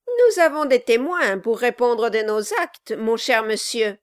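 A woman reading aloud, voicing a sly male dwarf villain who swings between mock courtesy and high-pitched cries. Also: lively intonation, unhurried. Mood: smug. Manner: shifting high and low, falsely courteous. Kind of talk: audiobook reading.

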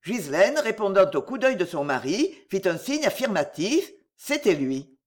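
A narrator reading a novel aloud with an expressive storytelling delivery. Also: mid-range voice, a little slow.

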